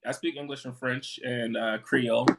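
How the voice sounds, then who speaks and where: A young man from Africa chats casually as a podcast co-host. He sounds laid-back and laughs often. His voice sits at a mid pitch. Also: fairly even intonation, normal speed, creaky, noisy background. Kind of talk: casual chat.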